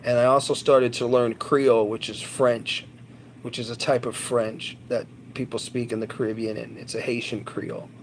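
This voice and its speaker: A man with a medium-pitched voice talks casually to his livestream viewers in a flat delivery at normal speed, rambling, bragging and being crude. English is his first language, and a little hiss or hum sits under the audio.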